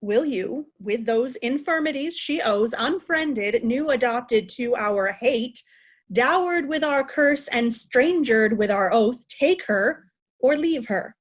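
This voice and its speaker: A woman's voice: fairly high pitch, lively intonation, slow pace. A woman playing a proud, wrathful old king in formal, commanding Shakespearean stage verse. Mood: cold, formal. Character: old king Lear, proud, wrathful, imperious male monarch. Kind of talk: Shakespeare reader's theatre acting.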